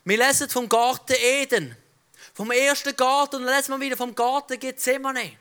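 A man's voice: extremely high pitch, fairly even intonation, normal speed, sharp tone, smooth. A male preacher giving a sermon, speaking directly and conversationally to his listeners. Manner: direct, conversational address to the audience.

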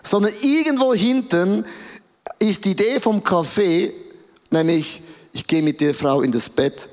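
A man preaching a sermon, animated, drawing out key words for emphasis and acting out quoted voices. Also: sits high, a little slow. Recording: long hall reverb.

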